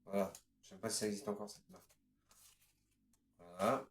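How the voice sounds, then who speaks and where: A man's voice: on the low side, normal speed, slight background noise. A man in his fifties casually presenting his record collection, hesitant and chatty, moving item to item with frequent filler words. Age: 50s. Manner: hesitant, strings items together with "voilà" and "ensuite". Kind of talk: casual show-and-tell. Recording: roomy echo.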